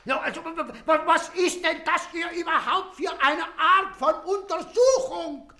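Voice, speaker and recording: A man's voice: extremely high pitch, measured pace, sharp tone, heavily acted. An actor playing a cantankerous, hard-of-hearing old landlord in a radio play, indignant and stammering as he protests. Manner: indignant, sputtering, stammers in agitation.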